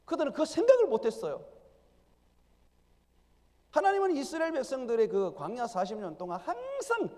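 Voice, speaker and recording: A male pastor delivers an emphatic sermon in a church sanctuary, his high voice leaping and dropping across a lively range. The hall carries a long reverb behind him. He slips into the voices of the people as he acts out their prayers.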